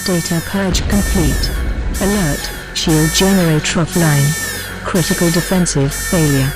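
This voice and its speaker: A narrator voicing a failing space station computer that glitches into error calls, giving flat, clipped, loud alerts. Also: mid-range voice, unhurried, over music, lightly acted. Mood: alarmed. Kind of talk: sci-fi lore narration.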